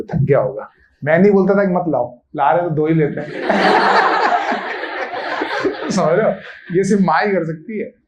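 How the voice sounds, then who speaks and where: A man's voice: a little high, a little mellow, lo-fi sound. A man telling funny childhood stories in a casual, chatty way, laughing often and checking in with his listeners. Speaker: storyteller recalling childhood. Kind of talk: casual anecdotal storytelling.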